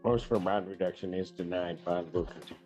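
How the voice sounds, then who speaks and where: A man presiding as a judge, calling cases and ruling in a brisk, procedural manner, heard on a courtroom recording. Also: deep voice, fairly even intonation. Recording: muffled courtroom recording with faint music.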